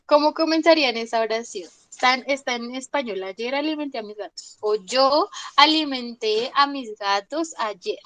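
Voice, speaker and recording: A woman's voice: high-pitched, normal speed, hardly any pauses, a bit bright. A woman teaching English online, explaining patiently, asking her students questions and repeating examples. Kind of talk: online class explanation in Spanish.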